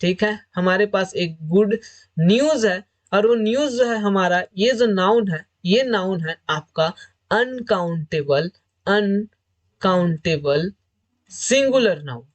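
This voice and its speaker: A male English teacher walks students through grammar for an exam, restating every rule again and again. He leans on filler phrases between points, keeping a steady teaching flow. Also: high voice, a little slow. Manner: repetitive, explains each point several times over. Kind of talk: exam-prep grammar lesson.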